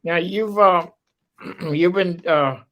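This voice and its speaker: A man's voice: high voice, slow, bright, forceful tone. A man hosting a casual interview, talking with admiring enthusiasm and rambling, restarting sentences. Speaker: interview host.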